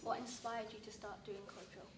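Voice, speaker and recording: A woman's voice: mid-range voice, fairly even intonation, a little fast. Friendly woman interviewer, distant and roomy. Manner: friendly, laughs easily. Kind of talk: interview questions. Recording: roomy and distant, with audible hiss.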